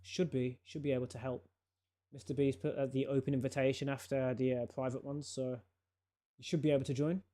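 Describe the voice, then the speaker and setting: A man's voice: medium pitch, level tone, brisk, mellow. Chatty man streaming games. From England. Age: 30s. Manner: chatty, laughs often, answers viewers. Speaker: game streamer. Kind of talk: casual live-stream chat. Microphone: desk microphone.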